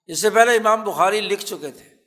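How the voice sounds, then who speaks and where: A male religious scholar with a Pakistani Urdu accent delivers a formal lecture and tells his story slowly and deliberately. His voice sits somewhat high for a man, and he stresses key phrases by repeating them. He is recorded in a lecture hall with long reverb. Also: bright, forceful tone. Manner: slow, measured storytelling with emphatic repetition. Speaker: religious scholar teaching hadith.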